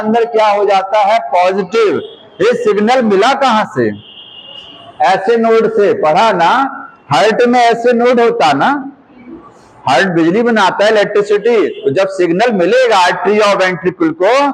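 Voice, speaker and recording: High-voiced man teaching a class. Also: slight background noise, rough recording. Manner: keeps quizzing the students with quick questions; repeats key terms to drill them. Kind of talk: classroom lecture.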